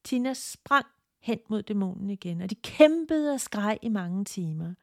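A woman narrating a guided story in a soft, calm, partly whispered voice. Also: medium pitch, creaky, no echo, studio quality.

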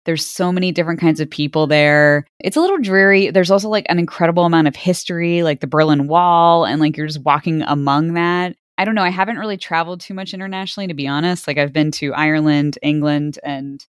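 A woman's voice: deep voice, fast talker, few pauses, smooth, no room sound, studio quality. A woman co-hosting a podcast, chatting casually about travel with many filler words. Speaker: podcast co-host. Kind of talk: casual chat.

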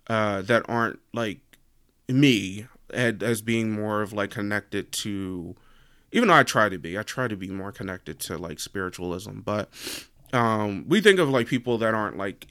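Rambling young man, smooth voice. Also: lowish voice, a bit bright, no echo, studio quality. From United States. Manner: rambling, heavy use of "like" fillers. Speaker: podcast host. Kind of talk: casual solo podcast chat.

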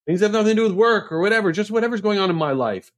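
A male podcast host telling a story in a casual monologue, animated, with mock exasperation. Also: high voice, very fast.

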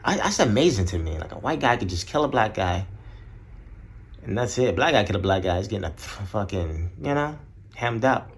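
A man's voice: expressive, normal speed, slightly rough. A man hosting his podcast alone, ranting bluntly with lots of profanity and rambling asides. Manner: blunt, profane, rambling, mimics others in high voices. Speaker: podcast host. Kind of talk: solo casual rant.

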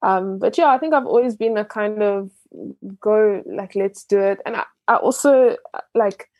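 Her voice is medium in pitch and a little mellow, moving at normal speed, as a young Ghanaian business founder talks reflectively during an interview. Fillers and restarts come often. The audio sounds dull, without echo.

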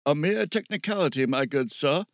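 A man voicing Steve, an excitable, smug teenage boy who talks in a sing-song voice in a storybook reading. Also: on the high side, moderate pace, no room sound, clean studio sound.

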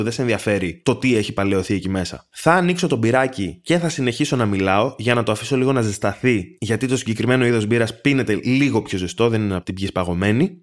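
Sarcastic ranting male podcast host. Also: lowish voice. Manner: sarcastic, ranting, profane asides. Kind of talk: casual solo podcast monologue.

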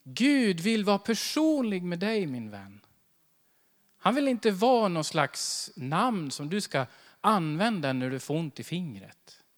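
Animated pastor preaching in echoing church. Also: male voice, high-pitched. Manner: animated, acts out little scenes and quotes scripture. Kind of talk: sermon. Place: church hall. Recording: long church hall reverb.

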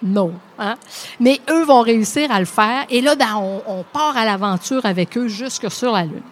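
A woman's voice: fairly high pitch, normal speed. Woman hosting a kids' workshop. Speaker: workshop host for children. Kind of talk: presenting to a children's class. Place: library room with children.

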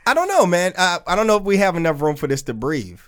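A man's voice: high-pitched, big pitch swings, fast talker, a bit bright. Laid-back man co-hosting a chatty podcast. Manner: loose, laid-back and chatty, with casual swearing. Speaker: podcast co-host. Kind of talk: casual chat. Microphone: podcast mic, streamed live.

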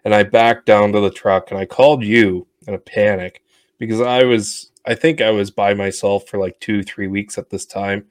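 A man's voice: fairly low pitch, steady tone, moderate pace, no room sound, clean studio sound. A man in his twenties co-hosting a casual podcast, telling earnest, reflective stories. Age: 20s. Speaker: podcast co-host, tow operator. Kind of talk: casual chat.

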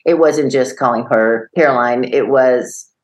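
A middle-aged woman co-hosting a podcast, telling a story in a lively way and acting out the voices of the people in it. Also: rumbling low, measured pace. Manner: animated storyteller, acts out quoted voices, laughs often. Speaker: podcast co-host. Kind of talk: casual storytelling chat.

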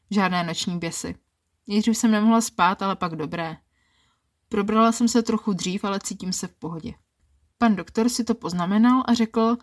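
A woman telling a first-person erotic story in a calm, intimate storytelling manner. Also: mid-range voice.

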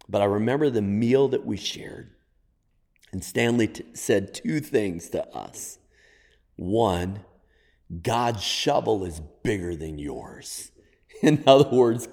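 Slow, low, mellow man in reverb. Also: creaky. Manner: deliberate, pauses for emphasis. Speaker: podcast guest, church pastor. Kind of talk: conversational storytelling and reflection. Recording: long reverberant room sound.

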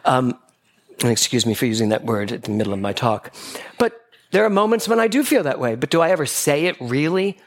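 A man giving a spiritual talk to a live audience in a gathering hall, playful and animated as he acts out little exchanges in quoted voices. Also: medium pitch, a little fast.

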